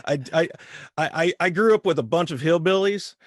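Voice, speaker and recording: In a dry, studio-quality recording, a voice actor guest in his thirties talks at normal speed in a voice on the high side. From Indiana, he has a light rural Midwestern twang and keeps the casual interview easygoing, rambling and restarting as he goes.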